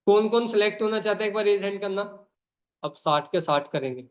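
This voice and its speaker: A man's voice: sits high, a little fast. A man hosting an online meeting over a video call, calling out names and urging people on in an emphatic, repetitive way. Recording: dull lo-fi call audio.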